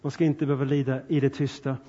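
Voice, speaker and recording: A man's voice: mid-range voice, level tone, mellow. A man preaching a sermon, earnest, speaking straight to his congregation with questions and appeals. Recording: long reverb, dull sound.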